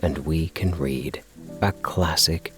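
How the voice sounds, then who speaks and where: A man narrating a bedtime sleep story in a soothing, unhurried, gently measured way. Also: extremely low pitch, soft background music. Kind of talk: slow bedtime relaxation narration and story reading.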